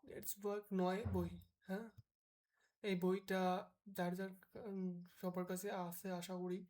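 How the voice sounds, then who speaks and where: Woman tutor from Bangladesh, beginner language lesson, slow and patient, flat even delivery, drills letters one by one. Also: mid-range voice. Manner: has her audience repeat after her.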